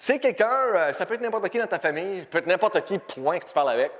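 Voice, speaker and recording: Casting: male comedian host, Quebec French accent, high voice, colloquial observational monologue. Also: expressive, quick pace, a bit bright. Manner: colloquial, rhetorical questioning. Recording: long hall reverberation.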